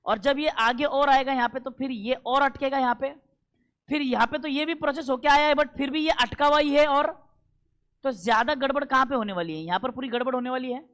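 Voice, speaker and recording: A man teaching a classroom lecture, emphatic and repetitive, often checking that students follow and slowing down for key English terms. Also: very high voice, a bit bright, clean tone. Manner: emphatic, repeats points and keeps checking understanding.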